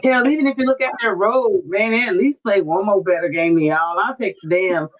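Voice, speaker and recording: A woman's voice: mid-range voice, fairly quick. Teasing woman with a dull lo-fi sound. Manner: playful, teasing, swears freely. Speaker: podcast co-host. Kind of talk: casual sports chat.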